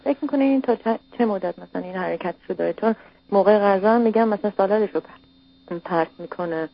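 A woman's voice: mid-range voice, vocal fry. A mother calling in to a radio advice show, speaking hesitantly with many fillers. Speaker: caller, mother of a toddler. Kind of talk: radio call-in question. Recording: dull lo-fi radio broadcast.

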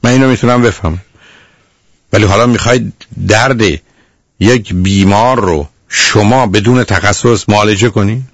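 A man's voice: on the low side, no echo, studio quality. A man hosting a radio call-in advice show, lecturing a caller sternly and calling them dear again and again. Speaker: radio counselor.

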